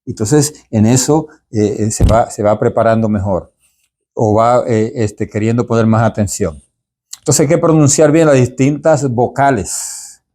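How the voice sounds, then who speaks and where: A man's voice: a little slow, dark tone. A middle-aged man with a Caribbean Spanish accent, teaching a workshop for church readers in a chatty way, often asking the group if they agree. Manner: chatty, asks the audience "¿de acuerdo?"; acts out examples with sudden pitch jumps. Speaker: deacon teaching a workshop for lectors. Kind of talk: informal teaching talk.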